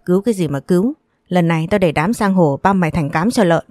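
A woman's voice: on the low side, animated, fast, a little mellow, no room sound, clean studio sound, lightly acted. A woman voicing a harsh older mother who curses her indebted son. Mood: bitter. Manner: harsh, scolding.

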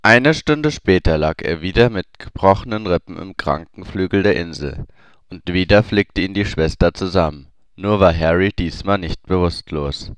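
A man's voice: sits low, animated, normal speed, smooth, dry recording. A man reading a story aloud as an audiobook narrator. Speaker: audiobook reader.

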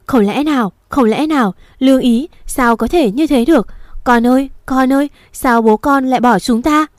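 A woman's voice: sits high, normal speed, no echo, clean studio sound, pitched above the performer's own voice, close to an everyday voice. A woman voicing a grief-stricken middle-aged mother who wails and pleads in a storybook reading. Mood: distraught. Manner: wailing, pleading.

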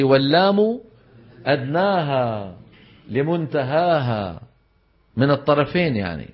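Speaking with a slightly high, breathy-edged voice, a Levantine-accented man lectures a class on reciting the Quran. He asks the students questions and supplies the answers, taking care to emphasize the exact vowels of each term. The lecture recording sounds dull and lo-fi.

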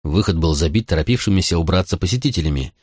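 A man narrating an audiobook with expressive storytelling. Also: low-pitched, fast, husky, dry recording, studio quality. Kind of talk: scripted narration.

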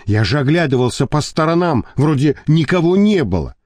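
Guy voicing a sheepish mumbling reporter, dark mellow voice, audiobook. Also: on the high side, sing-song, fairly quick, no echo. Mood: guilty. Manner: mumbling, apologetic. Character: guilty, nervous male journalist.

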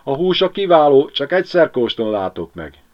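A man's voice: mid-range voice, big pitch swings, pitched above the performer's own voice, close to an everyday voice. A man voicing a proud, greedy owl hunter who talks in a smug, self-satisfied way, on a dull lo-fi recording.

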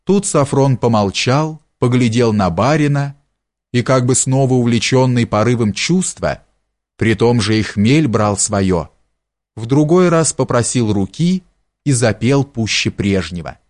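Measured male audiobook narrator. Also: medium pitch, a little mellow. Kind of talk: scripted narration of classic prose.

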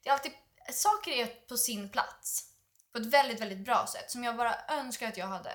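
A woman co-hosting a podcast, effusive and animated, swearing casually as she tells stories. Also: fairly high pitch. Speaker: podcast co-host. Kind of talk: casual chat.

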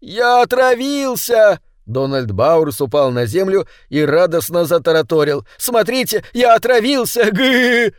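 A man voicing an excited young schoolboy who talks in a gleeful, giddy way. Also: fairly high pitch, normal speed, hardly any pauses, no room sound, clean studio sound, close to an everyday voice.

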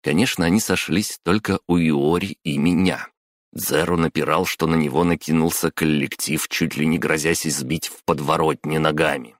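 A man narrating a story in the first person, in an even, cool way. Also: very deep voice, moderate pace, dry recording, studio quality.

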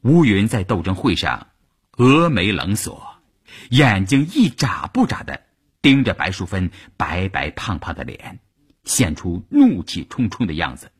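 A man narrating an audiobook novel in a dramatic, expressive reading style. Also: low-pitched, measured pace, husky. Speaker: storyteller.

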